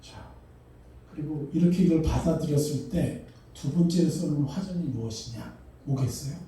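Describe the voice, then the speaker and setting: Middle-aged pastor preaching to his congregation; mellow, slightly high voice heard from afar in a reverberant church hall. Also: moderate pace, slight background noise. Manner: animated preaching, asks the congregation questions, acts out voices. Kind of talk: sermon. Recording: echoey hall, mic far off.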